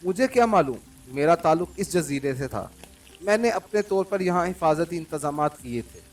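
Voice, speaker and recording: A man's voice: on the high side, expressive, normal speed, lightly acted. A man reading an audiobook, raising his voice to play a defiant young woman who leads a spy gang, from a distant mic over faint music. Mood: sulky. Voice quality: pleading, then sulky and sharp.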